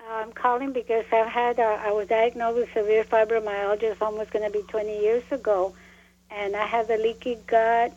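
A woman calling in to a radio talk show over a phone line, talking in a halting, rambling way with many fillers. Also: fairly high pitch, little pitch movement, darkish tone. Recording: muffled phone line with faint noise.

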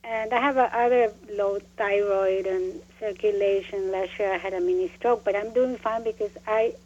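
A woman calling in to a radio talk show over a phone line, talking in a halting, rambling way with many fillers. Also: mid-range voice, fairly even intonation, darkish tone. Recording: muffled phone line with faint noise.

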